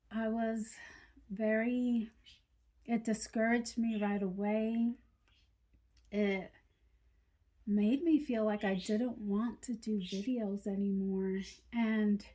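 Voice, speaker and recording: Slow, over-enunciating soft-voiced woman. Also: a little high. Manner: slow, deliberate, over-pronounced words; earnest and encouraging. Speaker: doll collector vlogger. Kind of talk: heartfelt talk to camera.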